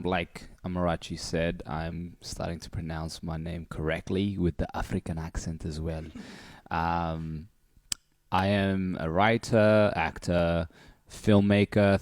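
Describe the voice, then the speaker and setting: A man's voice: deep voice, darkish tone, dry recording, studio quality. A man speaking casually as a panellist in a livestream discussion. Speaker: youth arts panellist.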